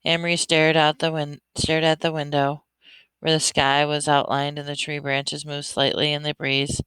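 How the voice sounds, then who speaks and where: A woman reading a children's novel aloud in a steady manner, now and then correcting herself. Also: low voice, moderate pace, clear, resonant tone, no echo, rough recording. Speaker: reader.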